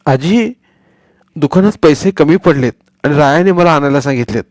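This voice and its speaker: A man's voice: fairly high pitch, lively intonation, a little mellow, no room sound, studio quality, voice pushed up, lightly acted. A man doing a cheeky young schoolboy. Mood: sly. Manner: quick, eager and sly.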